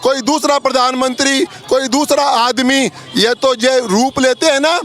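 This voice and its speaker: A man's voice: very high-pitched, steady tone, measured pace, fairly bright tone. A man from Jaipur in Rajasthan, answering a street interview in a fervent, emphatic, speech-like way. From Jaipur, Rajasthan, India.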